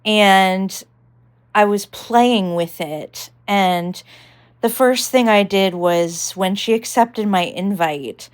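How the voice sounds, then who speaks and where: A woman's voice: mid-range voice, takes it slowly, clear, resonant tone. A woman vlogger giving a casual tech demonstration, rambling with lots of fillers.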